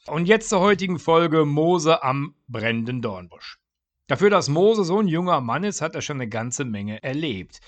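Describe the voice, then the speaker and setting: A man's voice: on the high side, normal speed. Man retelling Bible stories conversationally. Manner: lively, conversational storytelling. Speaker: podcast host.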